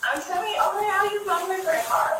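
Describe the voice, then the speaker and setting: A woman's voice: extremely high pitch, steady tone, fast talker. A woman heard through a phone on speakerphone, answering in terse, evasive short replies. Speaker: caller on speakerphone. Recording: echoey, distant phone speaker with faint noise.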